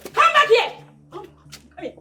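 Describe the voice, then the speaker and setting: A woman's voice: very high-pitched, sing-song, normal speed, music in the background. An actress playing a furious, haughty young royal woman in a film drama, shrieking and imperious. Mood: outraged.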